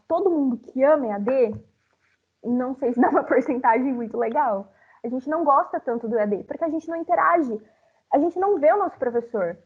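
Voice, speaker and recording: A Brazilian woman in her twenties gives a live talk, chatting directly with her audience in a high-pitched, slightly rough voice. The recording has a narrow, phone-like sound.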